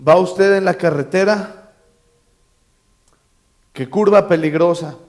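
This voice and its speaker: A man's voice: high voice, slow pace. A man preaching a sermon as pastor, emphatic, repeating key phrases and quizzing his congregation with joking asides. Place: church.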